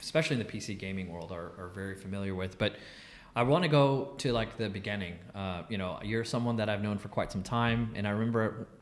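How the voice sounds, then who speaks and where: A man's voice: lowish voice, fast talker. Chatty thirty-year-old male podcast host. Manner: chatty, with a lot of "like" and restarts while asking questions. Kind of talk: casual interview talk.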